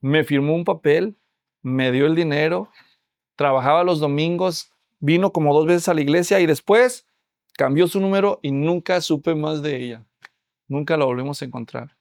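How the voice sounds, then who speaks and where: A man's voice: on the high side, a little mellow, no echo, studio quality. A middle-aged man preaching a sermon as a pastor, telling a story and addressing the congregation directly.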